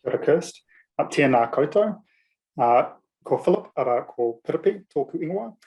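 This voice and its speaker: A man from New Zealand with a New Zealand accent, a writer and student, speaking in a measured way with frequent hesitant pauses. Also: on the high side, animated, highs cut off. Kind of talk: formal conversation with Māori greetings.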